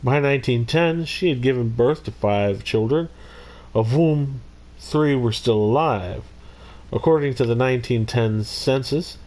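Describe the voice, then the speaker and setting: A YouTube host in Missouri narrates a criminal history in his own video, speaking casually in a medium-pitched, darkish voice. He keeps breaking off into rambling, jokey asides.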